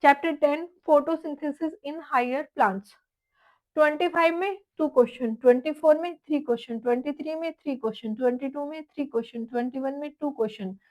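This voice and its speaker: High-voiced woman teaching exam prep. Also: fast, hardly any pauses, darkish tone, rough recording. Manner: calls students "beta", rattles off years and question counts.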